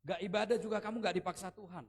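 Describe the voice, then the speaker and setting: A man preaching a sermon at a church service, animated and joking, leading the congregation in repeating phrases. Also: sits high, racing, slightly rough.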